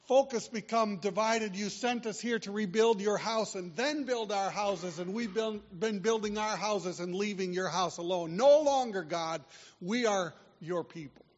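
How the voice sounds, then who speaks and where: Preacher with a high voice in an echoing hall. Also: male voice, steady tone, a little slow. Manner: emphatic preaching with wide swings in loudness. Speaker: pastor. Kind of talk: sermon. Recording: dull lo-fi sound in a reverberant hall.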